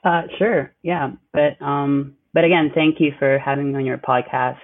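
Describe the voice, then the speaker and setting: A young Filipino graduate student answers questions in a casual interview, hesitating and using many fillers. His voice is medium-pitched and steady at a moderate pace, and the line sounds dry and tinny, like a phone, with no room sound.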